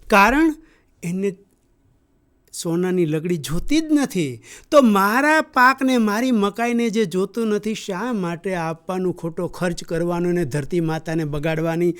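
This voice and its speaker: A man with a notably high voice gives a training lecture to farmers. He tells stories and keeps asking his listeners questions to pull them in. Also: smooth. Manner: storytelling with rhetorical questions to the audience. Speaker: agriculture trainer. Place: training hall.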